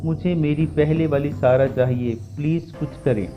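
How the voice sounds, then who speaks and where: A man's voice: fairly high pitch, fairly even intonation, natural voice. A man voicing a distraught, tearful mother who pleads in distress. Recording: music bed under voice.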